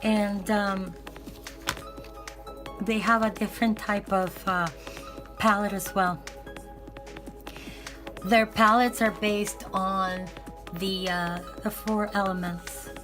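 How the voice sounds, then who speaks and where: A raspy-voiced woman, worn out with bronchitis, chats casually in an ASMR unboxing vlog, rambling and often correcting herself. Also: medium pitch, steady tone, takes it slowly, pauses often, over music. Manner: rambling, hesitant, self-correcting. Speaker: art supply vlogger.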